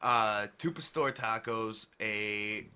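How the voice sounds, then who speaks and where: A middle-aged man with a Cleveland accent chats loosely on a podcast, swearing and laughing often. His voice is bright and forward. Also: fairly low pitch, slow, smooth. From Cleveland, Ohio. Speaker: podcast co-host. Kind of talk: casual chat.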